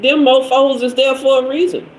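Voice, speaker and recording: Chatting casually with viewers and reading their comments, a woman in her fifties hosts a tarot livestream in slangy, conversational talk. Her voice sits high with a flat delivery at normal speed, and the space sounds echoey with faint noise.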